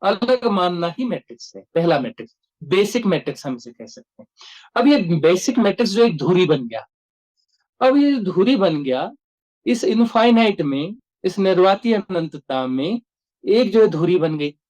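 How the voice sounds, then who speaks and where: A man's voice: high-pitched, very animated, normal speed, a little mellow. A man, giving a reflective spiritual discourse as a teacher and repeating phrases for emphasis.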